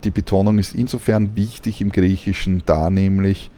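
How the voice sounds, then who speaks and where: A man calmly explaining Greek pronunciation in a lesson, with frequent fillers. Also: deep voice, normal speed. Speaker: language teacher.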